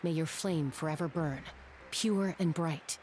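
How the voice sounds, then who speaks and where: A woman voicing a composed, earnest female warrior in a video game, speaking calmly and formally. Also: low-pitched, a little slow, slight background noise, poor audio. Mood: solemn blessing. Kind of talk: animated video game voice acting. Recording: music behind the voice.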